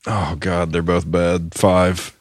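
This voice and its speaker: A man's voice: low voice, level tone, takes it slowly, a little hiss or hum. A man chatting casually as a player at a tabletop game.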